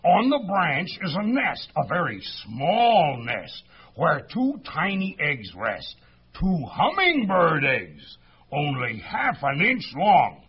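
A man voicing a big, pompous male bear who brags in a drawn-out way in a storybook reading. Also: fairly high pitch, huge pitch swings, slightly rough, dull audio, voice pushed up, exaggerated voice. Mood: boastful. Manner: boastful, drawn-out.

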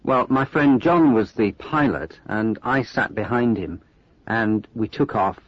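Wry small-plane passenger, husky and slightly low, dry recording. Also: male voice, a little slow, no room sound. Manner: relaxed, wry anecdote telling. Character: adult man recalling a flight in a small plane. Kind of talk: scripted listening exercise monologue. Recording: dry muffled studio recording.

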